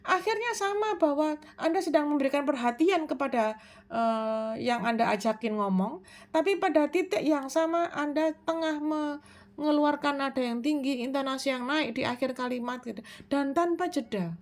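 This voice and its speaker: A woman with a high-pitched voice talks viewers through self-improvement advice. She is measured and explanatory, asking questions aloud and answering them herself, with frequent hesitation fillers. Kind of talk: explanatory self-help talk.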